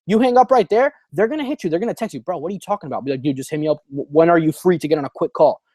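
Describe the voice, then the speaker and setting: A young man hosting a call, coaching listeners in an energetic, slangy way and calling them "bro" a lot. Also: a little high, rapid-fire, dry recording. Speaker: call host and trainer.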